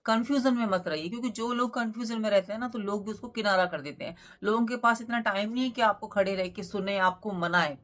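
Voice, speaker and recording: A woman's voice: medium pitch, quick pace, few pauses, fairly bright tone. A woman, hosting a motivational talk and giving earnest advice with many rhetorical questions. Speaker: motivational channel host.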